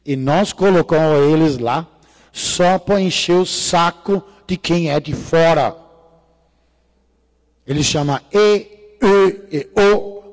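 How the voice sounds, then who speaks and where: Speaking slowly at a fairly high pitch, a middle-aged lecturer from Denmark gives a conference talk in Danish-accented Portuguese. He jokes, swears casually and makes grammar slips typical of a non-native speaker. Reverb from the big lecture hall colors the recording.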